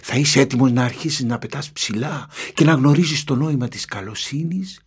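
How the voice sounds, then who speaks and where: A man voicing a wise old male seagull elder in an audiobook, speaking calmly and unhurriedly. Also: mid-range voice, breathy edge. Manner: calm, unhurried, matter-of-fact. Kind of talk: audiobook reading.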